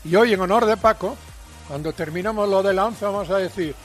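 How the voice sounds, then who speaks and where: A man's voice: high voice, a little fast, faint music behind. A man bantering jokily as co-host on live sports radio. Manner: jokey banter.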